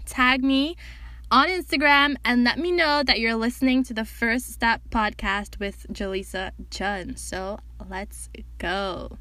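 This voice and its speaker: A woman's voice: high voice, pushed and bright, no echo. A young woman hosting her own podcast, talking casually, joking and bossing her listeners around. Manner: chatty, joking and bossy. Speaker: podcast host. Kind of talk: casual solo podcast talk.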